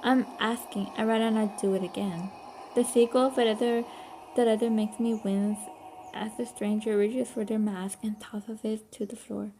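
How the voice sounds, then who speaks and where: A woman's voice: fairly high pitch, steady tone, normal speed, warm tone, a little hiss or hum. Chatty woman streaming a story game. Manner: chatty, reads narration aloud with casual asides. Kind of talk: live game playthrough, reading and reacting.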